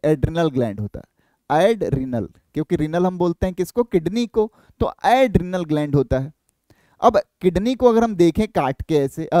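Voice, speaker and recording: A man's voice: high-pitched, darkish tone, no echo, studio quality. A young man giving an exam-prep biology lecture, asking rhetorical questions and answering them himself. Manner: explains with rhetorical questions and quick self-answers. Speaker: biology teacher.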